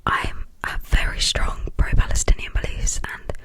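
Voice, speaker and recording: A young adult from the United Kingdom speaks in a hushed, breathy whisper, rambling informally and hesitantly in an ASMR style. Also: moderate pace, no echo. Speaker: ASMR video creator.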